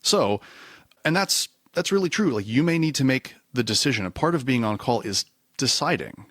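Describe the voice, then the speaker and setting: On a technical podcast, a male reliability engineer gives a casual conversational interview in an animated, medium-pitched, slightly bright voice at a moderate pace. He meanders, corrects himself and sometimes acts out quotes, recorded at studio quality with no echo.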